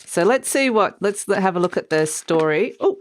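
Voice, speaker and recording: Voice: mid-range voice, animated, normal speed. A tarot reader giving a casual, unscripted mystical horoscope reading, speaking conversationally and encouragingly straight to the listener.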